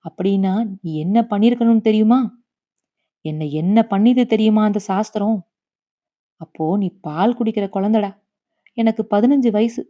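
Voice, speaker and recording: A woman voicing an elderly grandmother in a story. The grandmother is grieving and stubborn, and shifts between scolding and quiet bitterness. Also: mid-range voice, highs cut off, lightly acted. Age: over 60.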